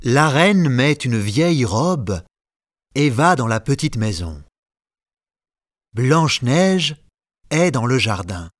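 A man narrating a fairy tale slowly, with careful, expressive reading. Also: medium pitch, no echo, studio quality. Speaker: storyteller. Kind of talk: slow storybook narration.

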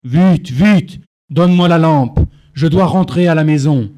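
A man's voice: mid-range voice, fairly even intonation, a little slow, a little mellow, close to an everyday voice. Man plays scheming magician, commanding and impatient, storybook reading.

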